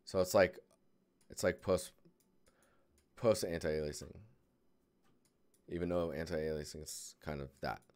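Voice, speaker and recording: Man, low voice, smooth clear tone, relaxed rambling art critique, desk mic. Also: unhurried, pauses often. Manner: relaxed, rambling, thinking aloud. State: yawning, tired. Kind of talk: casual live critique.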